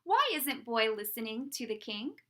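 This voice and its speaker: Brief: woman teacher, picture-book read-aloud, high bright voice, questions for kids. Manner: slow, expressive storytelling voice.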